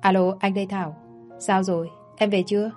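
A woman voicing a calm older brother who soothes his sister on the phone. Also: mid-range voice, a little fast, soft background music, lightly acted. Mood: soothing.

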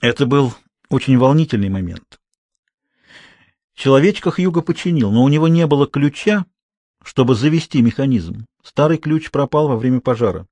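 A man narrating a children's audiobook in an expressive storytelling manner. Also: mid-range voice, moderate pace, no echo.

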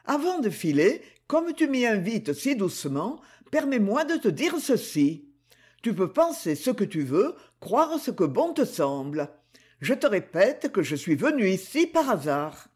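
A man's voice: sits high, sing-song, a little slow, darkish tone, breathy edge, pitched above the performer's own voice, full character voice. A man reading the part of a timid young wife, tense and pleading, with firm replies. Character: timid young wife, standing her ground.

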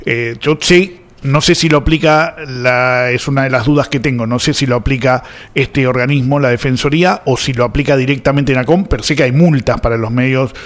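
A man with an Argentine accent hosting a radio talk show, speaking casually with many pauses and fillers. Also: mid-range voice, steady tone. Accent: Argentine Spanish. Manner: hesitant, repeats words and fillers. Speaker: radio host.

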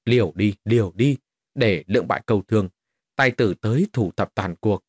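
A man's voice: fairly low pitch, a little fast, darkish tone, husky, no echo, clean studio sound. Man reading a sly young hero. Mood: scheming.

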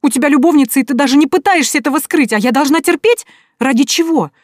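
A woman voicing a desperate young wife who shouts through tears, reading an audiobook. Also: high voice, fast talker, no room sound, studio quality, pitched above the performer's own voice, natural voice. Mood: hysterical shouting.

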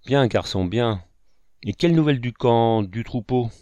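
A man voicing a gruff older frontier sergeant who gives brisk, scolding orders to his son in a storybook reading. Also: mid-range voice, animated, warm tone, no room sound, close to an everyday voice.

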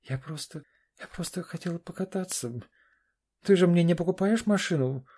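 A man's voice: high voice, normal speed, mellow, breathy edge, voice pushed up. A man doing a tearful, whiny teenage girl. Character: teenage daughter, tearful, sulky, then screaming. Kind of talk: audiobook reading.

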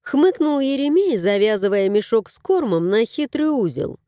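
Woman narrator, scripted audiobook, expressive, somewhat high voice, dark mellow tone. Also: normal speed, no room sound, studio quality. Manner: expressive storytelling.

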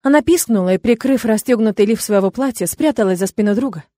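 A woman narrating a fantasy audiobook in a steady, even reading voice. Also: on the high side, fast talker, dry recording, studio quality. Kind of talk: scripted narration.

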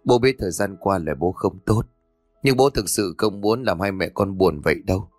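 A man voicing a remorseful middle-aged father, low and earnest, close to his own voice. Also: normal speed, dry recording, faint music behind.

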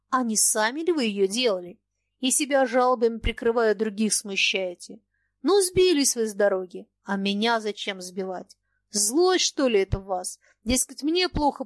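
A woman's voice: fairly high pitch, no echo. A woman doing a blunt, agitated young merchant. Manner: reproachful, plain-spoken. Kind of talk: audiobook dialogue.

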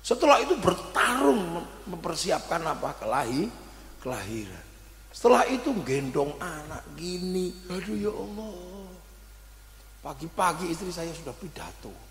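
A man's voice: high voice, measured pace. A man giving a humorous sermon to an audience, telling comic stories. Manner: animated comic storytelling with audience laughter. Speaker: preacher. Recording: echoey hall with long reverb.

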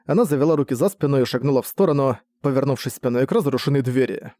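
Man narrating an audiobook, steady. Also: mid-range voice, fast, no echo. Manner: even, steady reading.

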